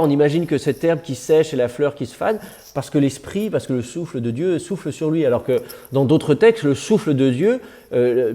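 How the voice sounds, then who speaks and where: Warm in tone and slightly high, a man's voice leads a classroom lecture on biblical Hebrew. He talks conversationally, digresses, and adds jokey asides.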